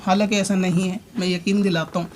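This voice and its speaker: A man's voice: high voice, flat delivery, a little hiss or hum. A man speaking a long rebuttal monologue as a religious online commentator, addressing his opponent directly and repeating his points as he argues. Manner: explains at length with repeated points.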